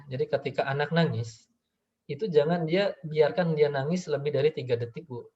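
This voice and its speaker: A man's voice: mid-range voice, darkish tone. A middle-aged man giving a casual parenting talk to mothers, chatty and repetitive, acting out parents and children as he goes. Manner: chatty, repeats "gitu ya", acts out parents and children. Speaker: parenting speaker. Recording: dull lo-fi audio.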